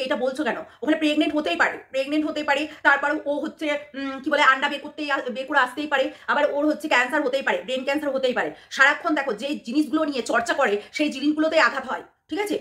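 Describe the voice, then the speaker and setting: Fast, bright-voiced scolding woman. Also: high-pitched. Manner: scolding, repetitive, taunting. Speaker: vlogger. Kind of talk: angry rant to camera.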